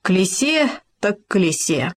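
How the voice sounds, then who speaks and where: A woman's voice: medium pitch, sing-song, measured pace. A woman voicing a bold male hedgehog in a storybook, speaking bluntly and cockily. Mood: gruff. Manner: gruff, blunt, cocky.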